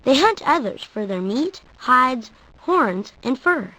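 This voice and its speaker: A woman's voice: high-pitched, very animated, takes it slowly, sharp tone, no echo. A woman reading scripted educational narration about nature.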